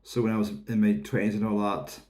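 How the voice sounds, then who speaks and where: A man's voice: fairly low pitch, level tone, fast talker, darkish tone. A man in his thirties with a Hebridean Scottish accent, giving a casual, rambling review to camera in an informal, explanatory way. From Isle of Lewis, Outer Hebrides, Scotland. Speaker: whisky reviewer.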